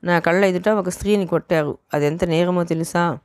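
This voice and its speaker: A woman voicing a stern male police constable, speaking forcefully. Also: fairly low pitch, steady tone, fairly quick, clean tone, no echo, clean studio sound, natural voice. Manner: forceful, then respectful.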